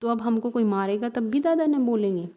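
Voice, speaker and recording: A woman's voice: a little high, brisk, dark tone, lightly acted. A woman voicing a small, timid village boy who speaks fearfully.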